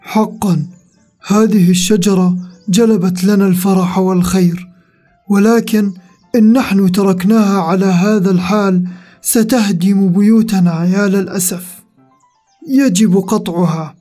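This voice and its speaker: Casting: woman voicing a weary village chief, slow, sorrowful, storybook. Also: medium pitch, steady tone, mellow, faint music behind, close to an everyday voice.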